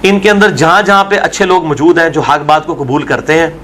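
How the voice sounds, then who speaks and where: A man's voice: fairly high pitch, fairly even intonation, brisk, fairly bright tone, a little hiss or hum. A man, a religious scholar arguing his view in an interview and asking rhetorical questions. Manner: argumentative, full of rhetorical questions.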